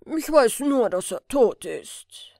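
A heavy-set merchant drops news offhandedly and loudly, as a woman reading the story puts him on. His words come slowly and bluntly, with a rough, gravelly grain. The recording is dry. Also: a little high, sing-song, dry recording, heavily acted. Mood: curt. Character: large stout middle-aged merchant, curt and offhand.

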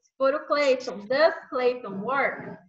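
Brazilian woman teacher, slow careful speech, a bit high-pitched, echoey muffled video call audio. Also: slight background noise. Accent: Brazilian Portuguese. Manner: patient, explains step by step, constant tag questions. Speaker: English teacher. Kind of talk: online class teaching. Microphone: computer microphone on a video call.

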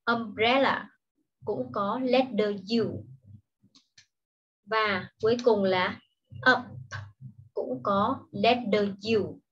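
Slow, patient woman teaching children. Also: mid-range voice. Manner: explains each word in Vietnamese, then says the English word clearly and repeats it. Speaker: primary school English teacher. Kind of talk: slow, patient online lesson for young children. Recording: dull, lo-fi recording.

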